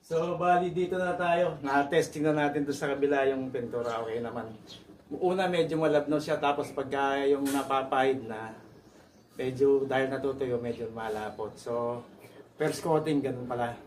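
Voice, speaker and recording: A man's voice: medium pitch, moderate pace, a little mellow. A Filipino man giving a casual hands-on DIY demonstration, with machine noise behind him. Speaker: DIY vlogger demonstrating painting. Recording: roomy, distant mic, clear machine noise.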